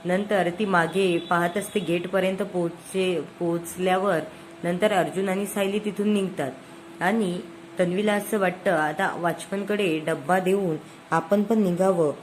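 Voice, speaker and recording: A woman's voice: on the low side, fairly even intonation, measured pace, a little hiss or hum, rough recording. A woman recapping a TV serial episode in a casual storytelling way, quoting each line of dialogue.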